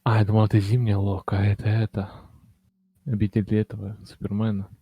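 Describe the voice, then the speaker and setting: A man's voice: on the low side, completely flat delivery, brisk, husky, dry recording. A man in casual gaming chat, talking in crude, sweary banter. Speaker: gamer playing a fighting game with a friend. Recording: loud game music behind. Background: loud fighting game music.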